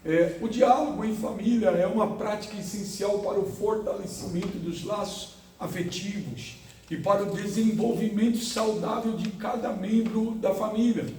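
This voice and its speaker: A man, a pastor teaching a church Bible lesson, who talks slowly with many fillers and asks his listeners rhetorical questions. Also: sits high, mellow, slight background noise. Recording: echoey room, voice from far off.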